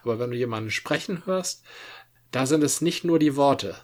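Man explaining with measured emphasis. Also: medium pitch, lively intonation. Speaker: podcast co-host. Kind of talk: casual podcast chat.

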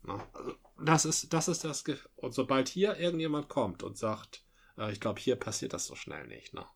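A man's voice: medium pitch, very animated, moderate pace, vocal fry, breathy edge. Man, plain conversational voice, explains his point and checks in with tag questions. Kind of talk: casual political discussion.

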